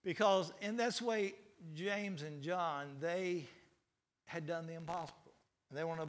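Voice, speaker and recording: Folksy man preaching a sermon. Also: fairly high pitch. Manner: folksy storytelling with rising preacher intensity. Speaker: pastor.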